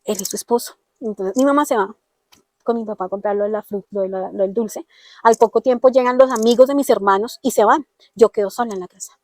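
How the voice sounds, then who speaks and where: A woman's voice: medium pitch, fairly quick, a little mellow, no echo. A woman with a Colombian accent giving an earnest personal testimony, often acting out the dialogue she quotes. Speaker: interviewee telling her testimony.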